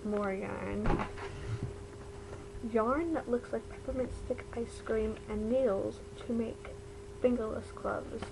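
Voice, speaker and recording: A woman's voice: on the high side, takes it slowly, gravelly, background noise. A young adult woman chatting casually to camera in her bedroom, rambling informally, her speech slightly impeded by a retainer. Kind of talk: casual vlog chat to camera. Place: bedroom at home.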